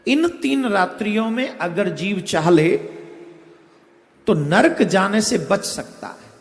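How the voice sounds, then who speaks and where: Slow, gravelly-voiced male preacher. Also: sits high, lively intonation. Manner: slow, instructive, chants a Sanskrit verse in a sing-song. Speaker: spiritual preacher. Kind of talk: devotional discourse. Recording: echoey hall with faint music behind.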